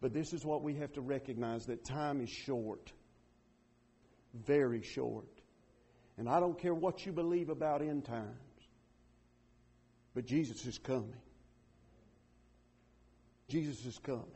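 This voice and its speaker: Impassioned high-voiced male preacher. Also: slightly rough. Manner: impassioned, rising to loud emphatic declarations, then dropping to quiet earnest appeals. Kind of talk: sermon.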